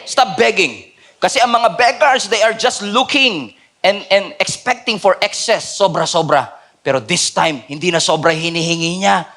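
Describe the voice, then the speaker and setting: A man with a Filipino accent preaching a sermon at a church night service, mixing Tagalog and English and swinging between hushed and loud. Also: high voice, moderate pace.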